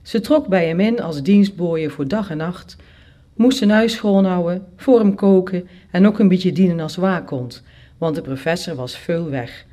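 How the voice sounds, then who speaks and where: A storyteller narrating a first-person story in a lively, expressive way. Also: medium pitch. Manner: lively, expressive, acts out characters.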